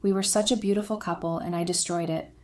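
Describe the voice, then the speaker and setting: A woman reading a scripted first-person confessional story in a steady, even delivery. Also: lowish voice, fast.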